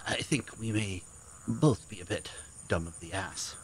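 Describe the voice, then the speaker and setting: A man's voice: fairly low pitch, measured pace, slight background noise, natural voice. A man voicing a stammering, apologetic, loyal companion in an audio drama. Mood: soft, tender.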